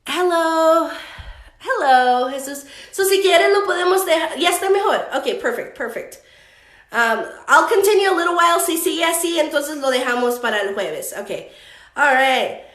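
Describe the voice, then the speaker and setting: Woman teacher, high voice, slow and careful, strong room echo, a bit far from the mic. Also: animated, fairly bright tone. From United States. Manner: switches between Spanish and English, slows way down for example sentences. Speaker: English teacher. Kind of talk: live-streamed English lesson.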